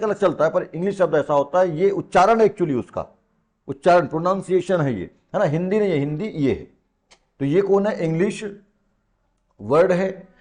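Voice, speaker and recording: A coaching teacher with a fairly high, slightly mellow voice gives a classroom lecture. He teases his students in colloquial language, repeats the important words, and poses rhetorical questions.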